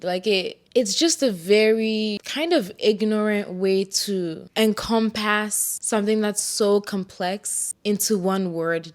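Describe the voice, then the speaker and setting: Candid young woman from Ghana podcasting. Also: fairly low pitch. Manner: candid, reflective storytelling with bursts of playful self-hype. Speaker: podcast host. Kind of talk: solo podcast monologue.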